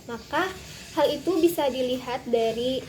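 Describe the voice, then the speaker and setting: Young female student, high voice, careful explainer with pauses, faint noise behind. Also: a little mellow, poor audio. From Indonesia. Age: young adult. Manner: careful explanatory, frequent hesitations. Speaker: student presenter. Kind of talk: recorded class presentation.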